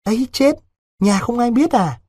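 A man voicing a young peasant servant girl who pleads through tears, in a husky voice. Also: sits high, normal speed, a little mellow, dry recording, studio quality, pitched above the performer's own voice, lightly acted. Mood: anxious. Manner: tearful, imploring pleas.

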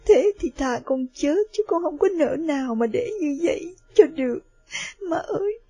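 A woman's voice: high voice, mellow, dry recording, pitched above the performer's own voice, exaggerated voice. A woman voicing a remorseful young daughter who sobs and begs forgiveness. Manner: sobbing, imploring. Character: remorseful young daughter, sobbing and self-blaming.

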